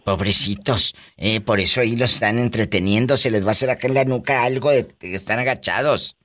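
A woman's voice: very deep voice, brisk, fairly bright tone. A middle-aged Mexican woman hosting a call-in radio show, affectionate and teasing, full of exclamations toward her callers.

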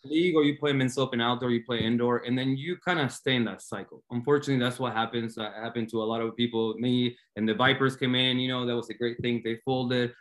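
A man's voice: medium pitch, steady tone, fast, hardly any pauses. A man in his thirties from Argentina, a team owner and guest, talking eagerly and earnestly with many restarts. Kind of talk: casual interview talk.

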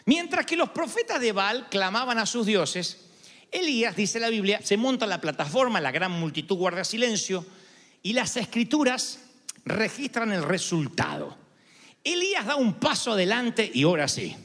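A high-pitched man preaches a sermon, full of swooping emphasis. His voice rings out in a long reverberant hall as he tells the story dramatically, tossing in humorous asides. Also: very animated, moderate pace, a bit bright.

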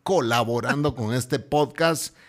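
A man's voice: medium pitch, a little slow. Podcast co-host, man, outspoken and teasing, medium voice. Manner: blunt, teasing, laughs often. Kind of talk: casual podcast banter.

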